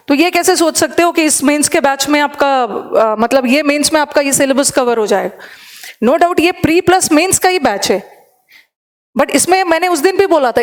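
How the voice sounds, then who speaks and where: A woman with an Indian accent, an English teacher chatting in a live online class, switching between Hindi and English and reading out student comments. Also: high-pitched.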